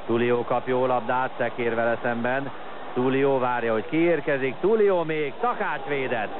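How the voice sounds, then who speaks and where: An excited man commentates a football match live. He calls the play in short, clipped phrases at a middling pitch. The sound is a narrow, lo-fi broadcast with clear background noise.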